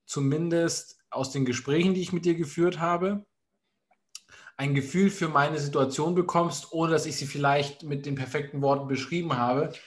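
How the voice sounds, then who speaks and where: A man's voice: on the high side, fairly even intonation, moderate pace. A man co-hosting a casual talk, blunt and jokey, swearing freely. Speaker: podcast co-host. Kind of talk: casual chat.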